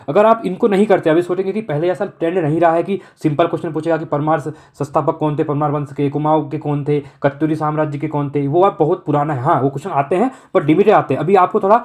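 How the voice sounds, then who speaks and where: A man teaching an online exam-prep lesson, working through multiple-choice answers in a brisk coaching manner and filling the gaps with constant "okay" checks. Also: fairly high pitch, a little mellow. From Uttarakhand.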